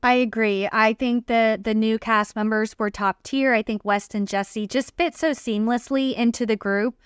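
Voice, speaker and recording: A woman with a smooth, clear and slightly high voice co-hosts a reality TV recap. She gives casual, opinionated commentary in slangy phrasing, with a dry, close sound. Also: steady tone, moderate pace, dry recording. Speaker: podcast co-host recapping reality TV.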